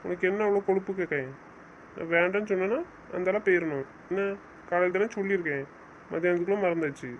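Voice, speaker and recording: A man acts out an audio drama with a stern, commanding tone, scolding at a fast clip. His voice sits high for a man. The recording is dull and lo-fi. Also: slight background noise. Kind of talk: casual audio drama acting.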